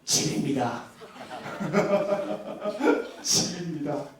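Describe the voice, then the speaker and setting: A man preaching in a lively, storytelling way, his pitch swinging high and low as he acts out quoted voices. He sounds rather high for a man and stands away from the mic. The sound carries in a big, echoey church hall. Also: very slow. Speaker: pastor. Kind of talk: sermon with personal anecdote. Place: church sanctuary. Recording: roomy church hall, voice from a distance.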